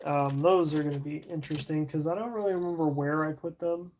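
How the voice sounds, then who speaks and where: A woman streamer chatting casually as she sorts, thinking aloud with fillers and soft laughs. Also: low-pitched, brisk. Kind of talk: casual livestream chat while sorting. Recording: audible background noise.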